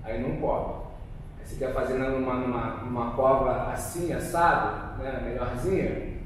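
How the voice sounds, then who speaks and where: A man co-hosts a podcast in a casual, rambling way, his voice at an ordinary middle pitch. He is picked up from a distance in a strongly echoing room. Faint noise runs behind him. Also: fairly even intonation, moderate pace. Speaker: podcast host. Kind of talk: podcast interview. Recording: echoey room, mic from far off.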